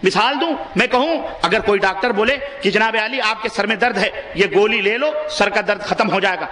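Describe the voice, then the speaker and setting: Male preacher, Pakistani Urdu accent, fiery exhorting sermon, very high bright voice. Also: echoey room. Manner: exhorting, rhetorical questions to the congregation; soars to high emphatic peaks. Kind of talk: impassioned sermon.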